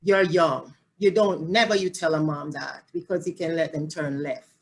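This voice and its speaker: A family support specialist with a Jamaican accent answers interview questions earnestly but haltingly, often rephrasing herself. Her voice sits low and is a little mellow and slightly rough.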